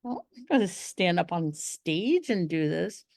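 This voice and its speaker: Animated woman telling stories, lowish voice. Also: measured pace, no room sound, studio quality. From outside the UK. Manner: animated, acts out quoted voices. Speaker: guest dog trainer. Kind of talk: conversational storytelling on a live stream.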